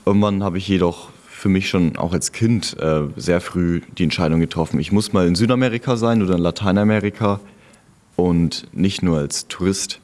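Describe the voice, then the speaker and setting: A deep, darkish male voice belongs to a young man from Germany who grew up in Frankfurt and lives in Franconia. As an interview guest and returned volunteer abroad, he shares his own experiences in casual storytelling at a normal speed.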